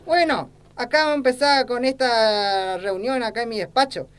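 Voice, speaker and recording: Her voice is fairly high and clean, natural and at normal speed. In an amateur satirical sketch, she plays a crooked, lecherous, ignorant old small-town politician with an Argentine accent, blustering in folksy, pompous talk.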